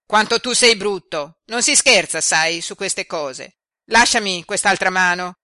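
A woman reading aloud, voicing a lively, excited young woman in a storybook. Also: medium pitch, unhurried, no echo, studio quality. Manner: exclaiming, playful.

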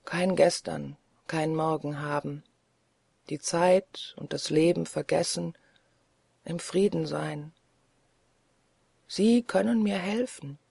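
A reader voicing a weary, lonely old male ghost in a soft, dreamy, mournful manner, from an audiobook reading. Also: medium pitch, creaky, slightly rough, no echo, full character voice.

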